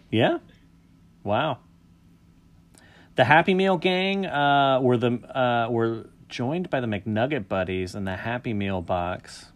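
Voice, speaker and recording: A man hosting a loose podcast conversation reads down a list one entry at a time. He breaks it up with quick jokes and offhand comments. His voice sits in an ordinary middle pitch. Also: animated. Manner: reads entries aloud with quick joking asides. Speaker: podcast host. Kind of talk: casual podcast chat.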